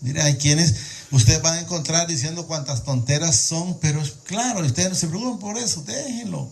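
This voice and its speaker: A male preacher with a fairly high voice delivers a sermon. He reads scripture aloud and breaks off to explain it, asking his listeners rhetorical questions. His speech is full of repeated words and restarts as he searches for the right phrase. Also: a little fast, a little mellow.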